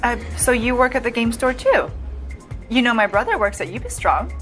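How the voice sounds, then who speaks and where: Smug, lively young woman. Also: a little high, normal speed, soft background music. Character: smug, boastful former schoolmate, falsely sweet young woman. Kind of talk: sitcom acting.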